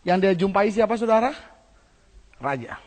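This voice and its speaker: A male pastor preaching an animated sermon, calling out to the congregation. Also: high-pitched, normal speed.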